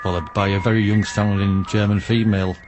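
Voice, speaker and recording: A man's voice: fairly low pitch, flat delivery, a little fast, music in the background. A man in an outdoor radio interview, answering in a detailed, matter-of-fact way as a radio enthusiast guest. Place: outdoors in a back alley. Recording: outdoor background noise.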